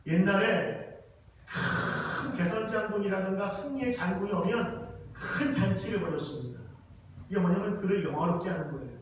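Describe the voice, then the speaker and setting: A man, a pastor, giving a sermon and reading scripture slowly and with emphasis. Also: high-pitched, a little hiss or hum. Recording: echoey church hall from far off.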